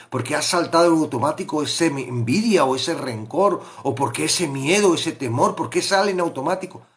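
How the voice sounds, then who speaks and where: A man with a Peninsular Spanish accent teaching a Bible study, talking conversationally and asking rhetorical questions. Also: on the high side. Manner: conversational, asks rhetorical questions, acts out pleading voices.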